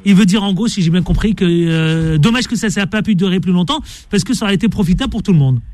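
A man hosting a radio talk show, bantering playfully with quick interjections. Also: high voice, a little mellow, no echo. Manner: joking, quick interjections, playful mock accent. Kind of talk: casual on-air banter.

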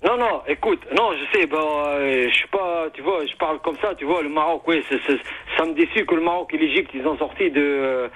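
A man with a northern French accent calling in to a radio show, his voice pitched high for a man. He is eager but halting and keeps repeating himself. He comes across as friendly and talkative. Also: a bit bright, rough recording. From Tunisia. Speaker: radio caller. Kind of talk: casual call-in chat.

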